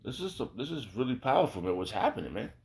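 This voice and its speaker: This religious teacher, an American, talks through scripture colloquially and with emphasis, repeating lines and posing rhetorical questions to check in. He talks fast in a medium-pitched, darkish voice with big pitch swings.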